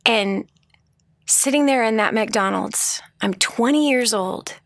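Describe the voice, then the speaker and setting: Taking things slowly, a woman with a fairly high, gravelly and slightly bright voice hosts a radio talk show. Her motivational monologue is earnest, packed with rhetorical questions, restarts and repeated words. The studio recording is clean and echo-free.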